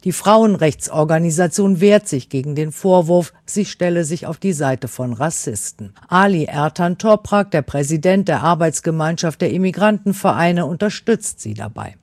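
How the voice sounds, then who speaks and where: A woman reporter narrating a scripted news feature in a measured, even delivery. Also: low voice, no echo, clean studio sound.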